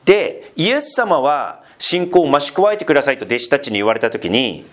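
A man's voice: on the high side, big pitch swings, normal speed. A man preaching a casual, conversational sermon as pastor, full of fillers and asides, asking the congregation questions and teasing them. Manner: chatty, asks the congregation questions and teases them.

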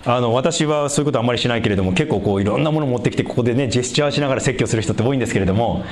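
A man preaching a sermon, asking the congregation rhetorical questions and swinging between loud emphasis and hushed low passages. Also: very fast. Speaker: pastor.

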